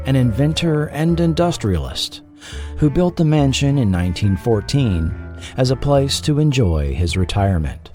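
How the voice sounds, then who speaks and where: With a medium-pitched, dark voice, a man hosts and narrates a scripted documentary podcast, delivering it in a measured way with dramatic pauses.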